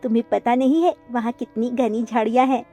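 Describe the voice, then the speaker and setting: Sweet little brother sparrow, woman voicing, soft caring and high. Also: steady tone, brisk, faint music behind, lightly acted. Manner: apologetic, caring. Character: gentle young boy sparrow, little brother.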